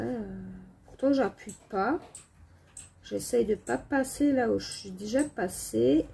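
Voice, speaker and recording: A woman's voice: mid-range voice, vocal fry, warm tone, breathy edge. A middle-aged woman with a cold, chatting casually and apologetically while coloring at home, with many fillers and hesitations. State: sick with a cold, coughing. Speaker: coloring video creator.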